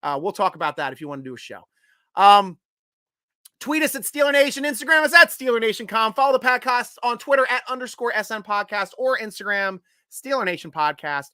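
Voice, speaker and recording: Hosting a live sports stream, a man reads out viewer comments and cracks jokes in a bright, forward voice. He moves briskly and animatedly between loud shout-outs and quiet asides, and the sound is dry and close with no echo.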